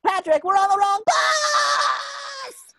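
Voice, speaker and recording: A woman voicing SpongeBob as an excitable, naive young male sea sponge in a theatrical cartoon read. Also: very high-pitched, slow, no room sound, shouting, heavily acted. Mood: alarmed. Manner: theatrical, exclaiming, talking to self. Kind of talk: amateur table read of a cartoon script.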